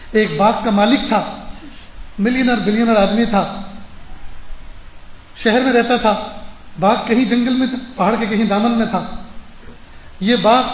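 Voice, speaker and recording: A man's voice: high voice, roomy sound, low-quality recording. A man, a maulana, preaching a sermon through a moral story, emphatic and repeating phrases for stress. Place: mosque.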